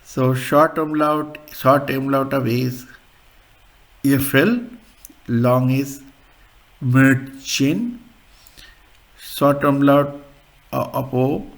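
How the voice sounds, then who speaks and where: A man teaching a beginner language lesson, slowly saying each example word twice and using non-native English phrasing. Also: medium pitch, flat delivery, vocal fry. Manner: slow, careful, repeats example words.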